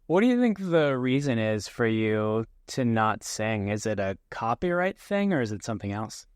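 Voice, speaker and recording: A man's voice: fairly low pitch, big pitch swings, moderate pace, smooth, no echo, clean studio sound. A man hosting a podcast, curious and probing, who asks questions with hesitant restarts in a casual chat. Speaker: podcast host.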